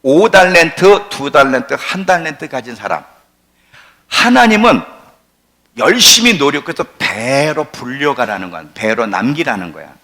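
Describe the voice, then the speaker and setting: A man in his sixties preaching a sermon as pastor, emphatic, swinging from near-shouts down to low, quiet asides. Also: sing-song, normal speed. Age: 60s.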